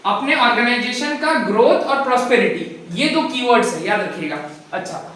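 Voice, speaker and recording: A man teaching a recorded lesson from handwritten notes. He talks fast, says so himself, mixes in English, slows down to read definitions, and keeps checking in with the class. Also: very high voice, expressive, fairly bright tone. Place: room with board, writing notes. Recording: very echoey room, voice far from the mic.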